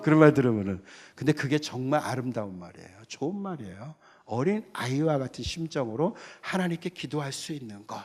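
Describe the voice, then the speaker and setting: A man who is a missionary pastor, preaching a sermon in a conversational way and often checking that his listeners agree. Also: medium pitch. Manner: conversational, keeps asking the congregation to agree; tells stories and acts out the characters.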